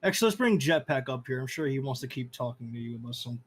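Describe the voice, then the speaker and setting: A man moderating a casual online mock debate, calling up speakers in a relaxed way that often trails off. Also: medium pitch, fast talker, a little hiss or hum, poor audio.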